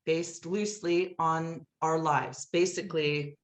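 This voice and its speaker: A middle-aged woman, a musical playwright appearing as an interview guest, tells stories in a chatty, animated way and often acts out remembered dialogue. Her voice is low-pitched and steady, and her pace is slow. The recording sounds roomy and echoey.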